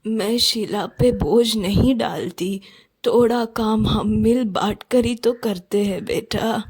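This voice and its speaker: A patient old mother-in-law from a cartoon, voiced by a woman. Her voice is husky and soft at the edges, and she drags out every word very slowly, coaxing and pleading. She is hardworking and long-suffering. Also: a little high. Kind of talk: cartoon voice acting.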